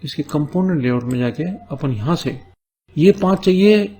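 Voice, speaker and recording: A man's voice: fairly high pitch, animated, mellow. A man teaching a coding tutorial, explaining each step and often checking in with "है ना?". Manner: explains step by step, keeps asking "है ना?"; reads English task notes slowly between Hindi explanations. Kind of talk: screen-recorded coding tutorial.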